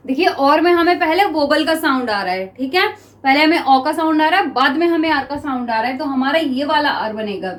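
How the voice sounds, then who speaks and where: A woman with an Indian accent teaching shorthand to students, often checking if they understand and reading out sentences for dictation. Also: high voice. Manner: coaching tone, repeats "clear?" and "students" often. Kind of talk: classroom lesson with slow dictation.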